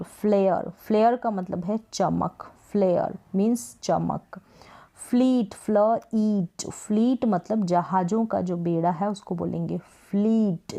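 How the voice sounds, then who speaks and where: A woman with a mellow, warm voice teaches English pronunciation. She sounds out each word slowly, repeats it and gives its meaning, in a patient and repetitive classroom manner. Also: mid-range voice. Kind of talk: explaining pronunciation rules.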